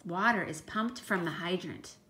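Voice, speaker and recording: Over a noisy background, a woman teacher with a lowish voice reads a picture book to little kids at a moderate pace. She's emphatic and child-directed, breaking off to ask questions and explain things.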